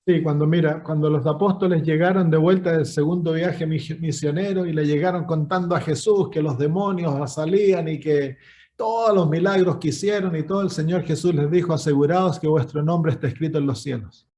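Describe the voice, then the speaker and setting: High-voiced pastor teaching scripture. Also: male voice, moderate pace, mellow. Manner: earnest, repeats words while searching for them. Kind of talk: Bible study sermon.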